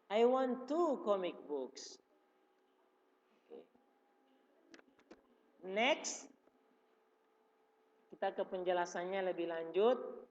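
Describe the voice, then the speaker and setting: Male teacher with an Indonesian accent, patient and slow, repeats phrases, dull echoey classroom recording. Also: high voice, a bit bright. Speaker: religious school teacher. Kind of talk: classroom explanation. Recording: dull reverberant room recording.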